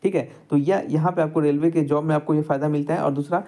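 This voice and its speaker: This exam tutor is a man whose slightly high voice carries a warm tone and fairly even intonation at a fast clip. He teaches students through a screen-recorded lesson, addressing them directly and explaining each step.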